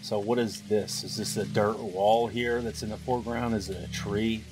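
A man's voice: on the low side, steady tone, moderate pace. A man giving a let's play commentary, thinking aloud as he puzzles through a game and drops wry asides, with game music behind him. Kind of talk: gameplay commentary.

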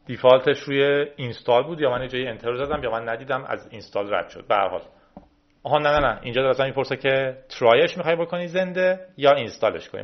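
Chatty man walking through a software install. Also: mid-range voice, dull audio. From Iran. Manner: chatty, explains steps while clicking through menus. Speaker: tech video host. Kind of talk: casual screen-recorded tutorial.

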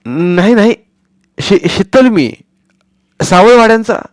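A cheeky, mischievous little schoolboy, as a male storyteller puts him on. His voice sits raised and eager, quick and sly, in a dry, close audiobook recording. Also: high voice, animated, no echo, voice pushed up. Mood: flustered.

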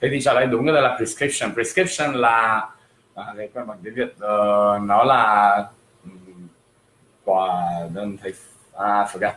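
Male tutor, unhurried livestream lesson delivery, drills pronunciation word by word, echoey room sound. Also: on the low side, fairly even intonation, fairly bright tone. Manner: slow, drawn-out words for drilling pronunciation. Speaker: English teacher.

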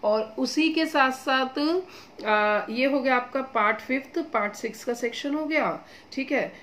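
A woman's voice: high-pitched, unhurried, a bit bright. A woman exam-coaching teacher giving casual study advice, chatty and encouraging, often checking in with her students and mixing English phrases into her talk. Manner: chatty, addresses students as beta and guys, mixes English phrases; repeats "theek hai" as a check-in.

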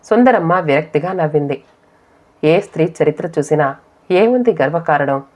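A woman narrating a story audiobook in a steady, measured reading. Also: low-pitched. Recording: dull lo-fi audio.

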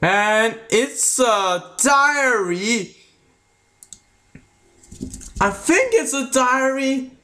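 A man talks through a video review in a loose, casual way, stopping and restarting his sentences as he goes. His voice sits high for a man and he speaks slowly. His vowels drift between American and British. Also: sing-song, pushed and bright. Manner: halting, restarts sentences often; mixes American and British sounds.

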